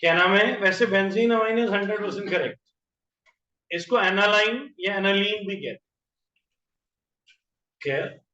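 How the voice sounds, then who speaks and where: In a classroom, a man teaches chemistry, calling on students by name and slowly repeating each compound name to drill the terms. His high voice sounds pushed and bright, while the lo-fi audio is roomy, distant, and dull.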